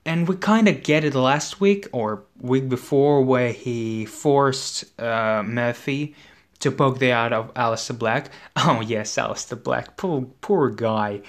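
A man ranting in casual, profane commentary, his voice hoarse and exasperated. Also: medium pitch. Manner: profane, exasperated, swears constantly. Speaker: wrestling commentator.

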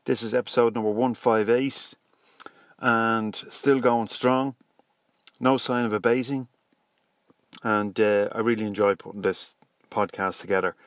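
A man's voice: fairly low pitch, fairly even intonation, unhurried, long pauses, dry recording. An Irish man hosting a solo podcast in a casual, rambling, hesitant way, recorded inside a car. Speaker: podcast host. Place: inside a parked car, in the passenger seat.

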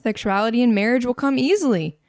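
A woman co-hosting a casual faith-based discussion, talking conversationally with fillers and quick asides. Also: fairly high pitch, darkish tone, no room sound, studio quality. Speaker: podcast co-host.

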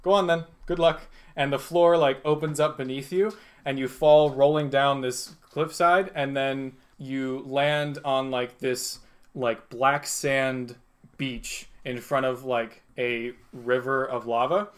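Informal, halting male game master. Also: mid-range voice, fairly even intonation, clear, resonant tone. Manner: informal, halting, filler-heavy improvising. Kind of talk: improvised narration of a tabletop game.

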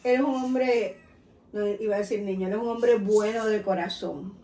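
Una mujer mayor con acento puertorriqueño que cuenta anécdotas familiares de forma animada, imitando voces. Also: female voice, mid-range voice, normal speed, far from the mic. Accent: Puerto Rican. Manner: animated storyteller who acts out voices. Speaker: guest mother. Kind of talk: casual family chat. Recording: roomy, off-mic, faint room noise.

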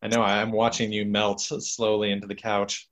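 A man's voice: on the low side, monotone, moderate pace, fairly bright tone. A man hosting a casual chat, rambling and swearing, with lots of fillers. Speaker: podcast host.

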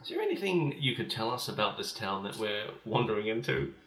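Male tabletop player, casual halting improvisation, forceful bright tone, roomy recording. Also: fairly low pitch, sing-song. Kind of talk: casual improvised role-play chat. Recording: roomy echo.

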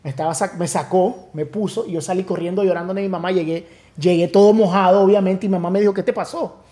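Man, pastor guest, high mellow voice, earnest testimony storyteller. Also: steady tone, fast talker. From Nicaragua. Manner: earnest storytelling, many restarts. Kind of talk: testimony in casual conversation.

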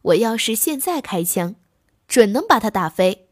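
A woman's voice: a little high, sing-song, normal speed, no room sound. Storybook wolf, read by a woman: proud grown male, bossy and boastful, slightly raised voice, dry recording. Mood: impatient. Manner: show-offy, impatient, lecturing.

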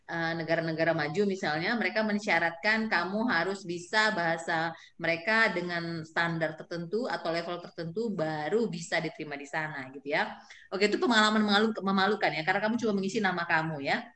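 A woman's voice: fairly low pitch, a little fast, a bit bright. A woman hosting a casual interview, teasing her guest and laughing easily. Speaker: host.

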